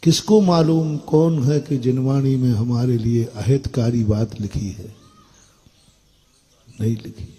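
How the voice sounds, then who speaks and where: A man's voice: mid-range voice, fairly even intonation, slow, mellow, husky, low-quality recording. An older man preaching a sermon to an audience, blunt and scolding, asking his listeners questions. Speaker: Jain monk preacher.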